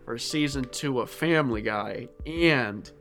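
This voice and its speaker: A man's voice: medium pitch, unhurried, faint music behind. Teasing man co-hosting a podcast. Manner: teasing, deadpan build-ups. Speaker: podcast co-host. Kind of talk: casual comedic chat.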